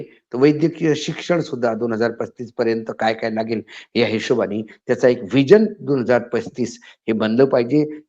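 Male political commentator, indignant editorial delivery with emphatic peaks, mid-pitched, slightly muffled audio. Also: darkish tone. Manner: indignant, rising to emphatic outbursts.

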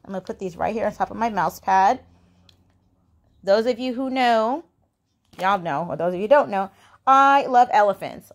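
A young woman at home chatting casually through a shopping haul, gushing and giggling as she goes. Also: mid-range voice. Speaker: vlogger. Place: home, indoors.

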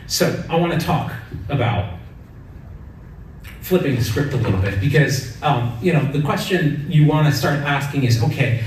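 A man's voice: medium pitch, darkish tone. Middle-aged male keynote speaker, personal and earnest, distant echoey hall recording with faint noise. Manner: personal, earnest, tag questions "right?". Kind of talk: conference keynote talk. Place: large conference hall, at a lectern. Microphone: lectern mic, recorded from the audience.

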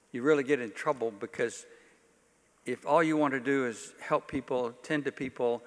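An older pastor leads a workshop in a large hall, giving an informal church teaching to a conference audience with folksy, dryly humorous asides. His mid-range voice has a fairly bright tone, and the hall's reverberation leaves a long echo.

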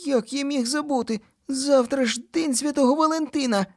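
A man voicing an excitable, earnest young boy in a children's audiobook. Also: moderate pace, slight background noise. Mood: excited. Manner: high, lively boyish voice.

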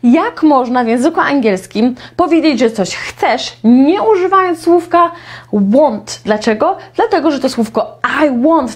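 A woman's voice: fairly high pitch, darkish tone. Chatty woman teaching English. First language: Polish. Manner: chatty, explains with many fillers and repeated examples. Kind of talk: casual video lesson.

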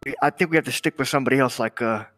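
A man's voice: mid-range voice, rapid-fire, fairly bright tone, no echo, studio quality, lightly acted. A man playing an intense, menacing, aggrieved music boss in an improvised crime game role-play, brooding and repeating himself for effect. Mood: brooding menace.

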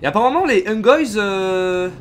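A man streaming a game live, chatting casually and reacting loudly as he plays. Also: sits high, expressive, moderate pace, a little hiss or hum. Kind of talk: live gameplay commentary.

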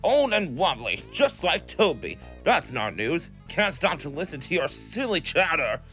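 A man's voice: a little high, big pitch swings, measured pace, a bit bright. A man voicing a proud, grumpy male express engine who talks in a huffy, scornful way, with music behind.

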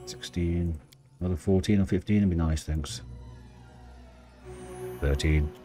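A man doing a video game playthrough, reading text aloud and commenting in an unhurried, low-key way. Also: warm tone. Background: game music.

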